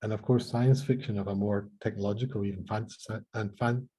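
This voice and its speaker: A man's voice: on the low side, steady tone, fairly quick, warm tone, husky. A middle-aged Scottish man from central Scotland, speaking on a conference panel in a thoughtful, hesitant way with many restarts. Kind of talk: panel discussion.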